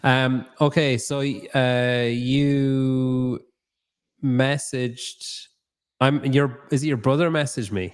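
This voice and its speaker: A man hosts a podcast from a new studio, his medium-pitched voice smooth and steady as he takes things slowly. It's a casual interview chat where he thinks out loud and swears offhandedly.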